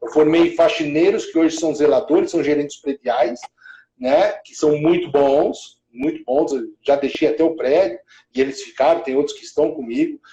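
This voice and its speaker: A man's voice: on the high side, moderate pace, mellow, reverberant, low-quality recording. A middle-aged man, a building manager, telling his career story in a casual interview, rambling with many restarts. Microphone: video call.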